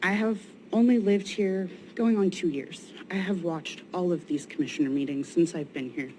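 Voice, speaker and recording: Tired woman at a public meeting, kinda low soft-toned voice thats shaky, plain earnest speech, some background noise. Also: fairly even intonation, moderate pace. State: weary, shaky voice. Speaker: citizen giving public comment at a county meeting. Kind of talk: prepared public statement. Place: indoor public meeting room. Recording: noisy meeting room ambience.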